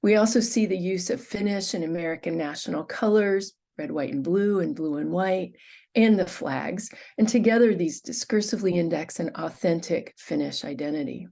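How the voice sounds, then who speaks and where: Woman reading a measured academic talk. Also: fairly low pitch, gravelly, dark tone. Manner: measured, reads from a script. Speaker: conference presenter. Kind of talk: prerecorded academic presentation.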